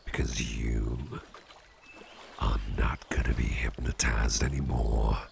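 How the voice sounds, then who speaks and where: A male actor fully voices a calm, playful businessman boss who hypnotizes his employee with a pendant in a slow, intimate ASMR roleplay. His very deep, gravelly voice is extremely low and unhurried, soft and soothing, often sinking almost to a whisper. The mood is slow and calming, with clear ambient noise behind him.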